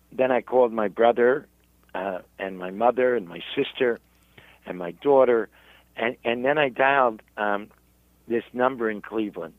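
A man, a rabbi, telling his story in an interview in halting, self-repeating speech. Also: fairly low pitch, no room sound, narrow, tinny audio. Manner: halting, repeats words while searching. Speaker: rabbi and guest.

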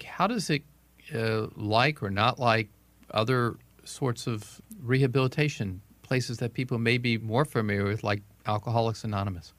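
A man's voice: on the low side, fairly bright tone, dry recording. A man hosting a radio interview, asking questions that he rephrases as he goes.

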